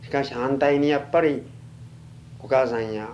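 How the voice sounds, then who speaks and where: Elderly man with western Japanese accent, halting. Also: medium pitch, steady tone, darkish tone, dull audio. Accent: western Japanese, Chugoku. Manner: halting, plain-spoken elder recollection. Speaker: oral history interviewee. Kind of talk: reminiscing in an interview. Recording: noisy archival tape with hum.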